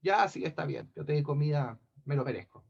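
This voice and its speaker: A man's voice: fairly high pitch, expressive, a little fast, a little mellow, muffled recording, exaggerated voice. Caskel, a mocking man-eating giant, as a man puts him on. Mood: dismissive. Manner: gruff, mocking and threatening. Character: huge cruel man-eating male giant.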